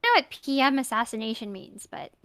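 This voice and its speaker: A playful, giggly woman streaming a visual novel, trading jokes and reading the game lines aloud. Her voice is fairly high and bright, and she talks with a lively, casual energy. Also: quick pace, dry recording, studio quality.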